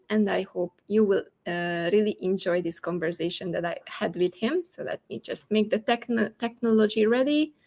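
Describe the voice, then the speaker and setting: A woman hosting an online interview show, chatty and quick to laugh. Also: medium pitch. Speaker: host.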